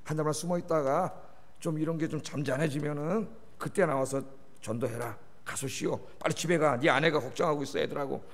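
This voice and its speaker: A man preaching takes on the voice of God as a fatherly male deity, lower and softer than his usual preaching. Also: brisk, long reverb tail, close to an everyday voice. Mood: gently reassuring.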